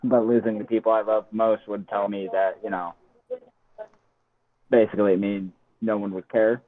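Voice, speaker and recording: A man, a podcast guest, giving quiet, thoughtful answers in a casual chat. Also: fairly low pitch, level tone, moderate pace, no room sound. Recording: phone-like call audio.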